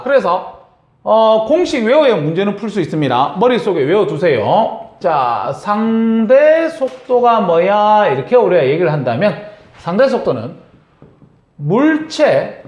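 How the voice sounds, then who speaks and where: A man's voice: high-pitched, echoey room. A man teaching a science class, lecturing and often checking in with his students. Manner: lively, asks students frequent check-in questions.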